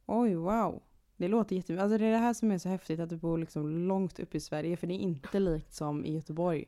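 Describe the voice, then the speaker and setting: A woman's voice: lowish voice, steady tone, dark tone. A woman from Gothenburg co-hosting a podcast, chatting in a playful, teasing way. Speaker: podcast co-host. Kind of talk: casual chat.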